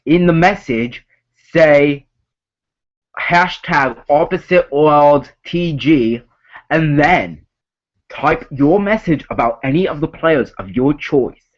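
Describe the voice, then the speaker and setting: Slow man with a fake Australian accent. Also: on the high side. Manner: rambling, addressing players directly. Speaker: host of an online reality game. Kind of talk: live online show hosting. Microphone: voice call. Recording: dull lo-fi call audio.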